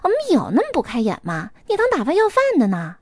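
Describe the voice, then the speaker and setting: A woman voicing a brash, rich young woman who taunts and threatens loudly and scornfully. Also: a little high, wildly swooping pitch, fast talker, dry recording, studio quality. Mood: threatening.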